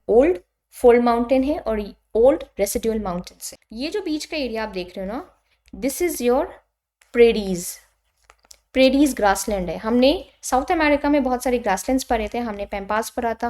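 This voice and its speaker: High-voiced Indian woman teaching a lesson. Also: a little mellow. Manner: explains patiently and checks in with listeners. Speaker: exam coaching teacher. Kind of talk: explanatory lecture mixing Hindi and English.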